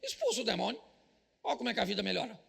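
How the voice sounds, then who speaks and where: A man with a Brazilian Portuguese accent, a pastor giving a comedic sermon at a business event, joking loudly and mimicking people praying. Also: high voice, huge pitch swings, rapid-fire, gravelly, breathy edge, big-room sound.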